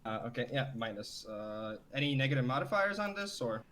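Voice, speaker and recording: A man's voice: medium pitch, sing-song, a little fast, fairly bright tone. A man playing a tabletop game, switching casually between in-character lines and table chat with joking sarcasm.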